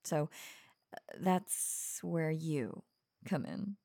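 A young woman voicing an obsessive young streamer who speaks softly and coaxingly to the listener, with nervous giggles. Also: low-pitched, animated, drawn-out words, gravelly, dry recording, studio quality, heavily acted. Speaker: voice actor in an audio roleplay. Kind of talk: audio roleplay addressed to the listener.

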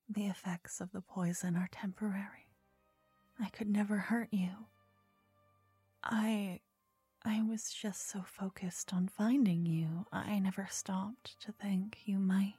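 A woman acts out an obsessive fantasy lover, tender and dangerously possessive. Her sultry whispered role-play is very breathy and soft, with a mellow tone and an unhurried, soothing pace. The whole thing feels like an intimate audio drama spoken to one listener. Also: medium pitch, fairly even intonation, dry recording, faint music behind. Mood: yearning, possessive.

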